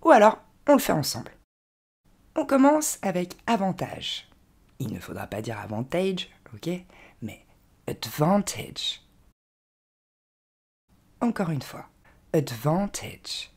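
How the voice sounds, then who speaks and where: A woman with a low, slightly gravelly voice leads an English pronunciation lesson in French. Her intonation rises and falls a lot as she explains. She slows right down to demonstrate each word with care. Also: huge pitch swings, a little mellow. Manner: clear, patient instruction with slow, careful demonstration of English words.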